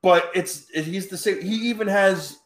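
A man co-hosting a casual podcast about a movie, halting and searching for words, repeating himself. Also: high-pitched. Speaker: podcast co-host. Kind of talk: casual movie-discussion chat. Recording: roomy recording with faint background noise.

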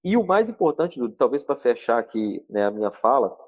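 A man's voice: medium pitch, very animated, brisk, no room sound, lo-fi sound. A man talking as a therapist guest on a podcast, urging listeners in a fervent, preacher-like way. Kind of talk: earnest podcast talk.

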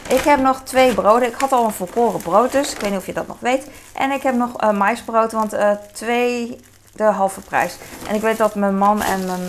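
A woman's voice: medium pitch, slight background noise. A woman in her thirties, a mother, chatting casually and hesitantly while showing her grocery haul. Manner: chatty, rambling, many hesitations. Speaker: vlogger.

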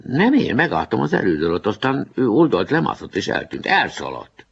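A man's voice: mid-range voice, huge pitch swings, vocal fry, husky, muffled recording, pitched above the performer's own voice, heavily acted. A man voicing a small timid blond boy, speaking in a trembling, pleading way in a storybook reading. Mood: proud.

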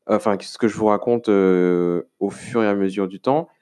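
A man from France with a somewhat low voice hosts his solo podcast. He talks at length in a relaxed, rambling way, stopping often on fillers and restarting his sentences as he addresses the listener informally. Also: moderate pace, clean tone. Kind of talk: casual solo podcast monologue.

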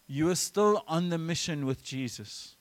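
Pastor, male, high voice, preaching an earnest church sermon with emphatic phrasing and quick restarts. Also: expressive. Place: church service.

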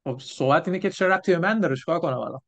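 A man leading a church Bible lesson, explaining step by step and often checking with the group. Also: on the high side. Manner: explanatory, asks the group questions. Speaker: Bible teacher. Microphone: microphone for an online stream.

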